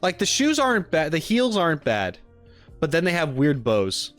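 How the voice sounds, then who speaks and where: A streamer reacting with live chat rambles casually through his opinions in a tentative, hedging way. His voice is fairly high and a bit bright, with huge pitch swings at normal speed, and soft music plays in the background.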